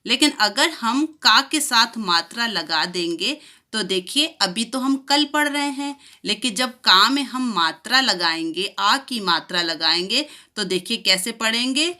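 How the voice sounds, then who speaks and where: A woman teaching a children's lesson, slowly stretching out each sound so young pupils can repeat it after her. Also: fairly high pitch, animated, sharp tone. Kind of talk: primary school lesson.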